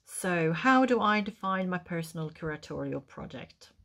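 Woman, 40s, very low voice, reflective, measured, webcam recording. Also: lively intonation, gravelly, a bit bright. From Sweden. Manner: measured, reflective, with frequent ums. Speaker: artist and curator. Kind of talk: interview answer to camera.

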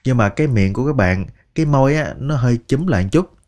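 A man with a Vietnamese accent teaching English phrases, slowly repeating each word one at a time. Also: medium pitch, animated, darkish tone. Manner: slow, patient, repeats words one by one. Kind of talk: language lesson narration.

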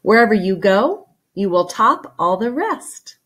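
A woman's voice: medium pitch, very animated, measured pace, fairly bright tone, breathy edge. A woman reading a rhyming children's book aloud. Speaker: volunteer reader. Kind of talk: picture-book read-aloud.

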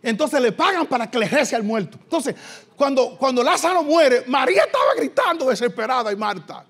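A male pastor delivering an impassioned sermon, swinging between loud, shouted lines and low, hushed ones, and drawing out quoted scripture slowly. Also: big pitch swings, creaky, breathy edge. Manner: slow, drawn-out reading of quoted scripture.

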